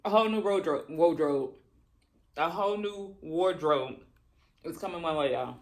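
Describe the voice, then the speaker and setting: A woman chatting casually and colloquially to viewers during a mukbang, chewing as she talks and pausing between bites. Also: low-pitched, a little mellow. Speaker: mukbang vlogger. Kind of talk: casual chat to viewers while eating.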